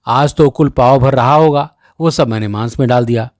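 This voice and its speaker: A man voicing a proud, sharp-tongued young wife from a rich family in a read-aloud story, making indignant retorts. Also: medium pitch, moderate pace, dry recording, studio quality, lightly acted.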